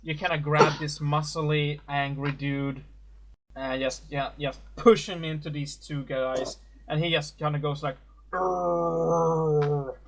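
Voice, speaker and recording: A man narrating as game master in a casual tabletop session, speaking haltingly with many fillers and restarts. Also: on the high side, flat delivery, a bit bright.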